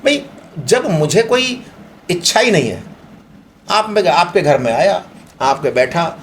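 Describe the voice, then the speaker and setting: A middle-aged man with a fairly high voice talks through spiritual ideas in a relaxed interview. He explains in a patient, philosophical way, leaning on everyday examples. Faint noise runs under the recording. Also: measured pace. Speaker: guest speaker on spirituality. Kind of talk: unscripted interview.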